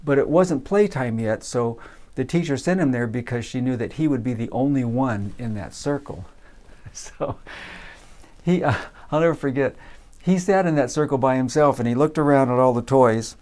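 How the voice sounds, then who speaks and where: A man telling a personal story in a relaxed, casual way, with frequent fillers. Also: mid-range voice, normal speed. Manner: relaxed, many uh fillers, acts out voices in quotes.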